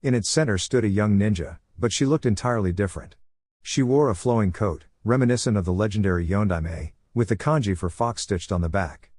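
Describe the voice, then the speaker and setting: A man narrating a fan fiction story in an even storytelling read, voicing every character himself. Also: fairly low pitch, a little fast, no room sound, studio quality.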